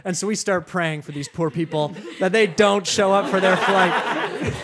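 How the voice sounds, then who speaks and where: A man hosting a podcast, telling a travel story to a live audience in an animated way, getting loud when he quotes himself. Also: high-pitched, a little slow, background noise. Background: audience laughter.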